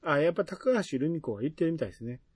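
A man's voice: on the high side, very fast, slightly rough, dry recording, clean studio sound. A man with a Kansai accent, hosting a casual podcast chat and reading listener mail aloud. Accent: Kansai Japanese. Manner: relaxed, musing, reads listener mail. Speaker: podcast host.

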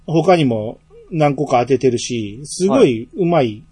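A man's voice: mid-range voice, animated, a little slow, warm tone, breathy edge, no room sound. A man with a Kansai accent co-hosting a casual podcast, teasing his partner and reading out listener messages. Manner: teasing, laughs often, reads listener messages. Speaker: podcast co-host. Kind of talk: casual chat.

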